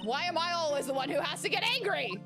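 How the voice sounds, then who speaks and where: A woman's voice: very high-pitched, lively intonation, quick pace, pitched above the performer's own voice. A woman doing a bubbly, spirited girl sidekick. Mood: bubbly, indignant. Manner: bubbly, indignant. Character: peppy young female sidekick, spirited. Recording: game music underneath.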